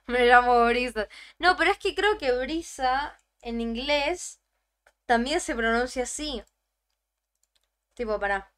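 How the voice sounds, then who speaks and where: Woman, Argentine accent, young, playful streamer, loud and joking, slightly high voice. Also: takes it slowly, pauses often, clear, resonant tone. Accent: Argentine Spanish. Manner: playful, loud, joking, repeats words aloud. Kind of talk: casual livestream chat.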